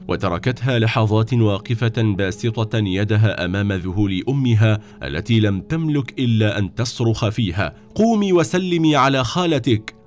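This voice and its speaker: A man with a fairly low voice tells a religious moral tale in a measured, solemn cadence. He delivers it as steady scripted narration, with faint music playing underneath.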